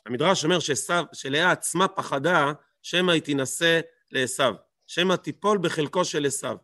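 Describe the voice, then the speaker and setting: A man's voice: on the high side, pushed and bright, dry recording, clean studio sound. A man teaching a Torah lesson, emphatic, asking rhetorical questions and repeating words for stress.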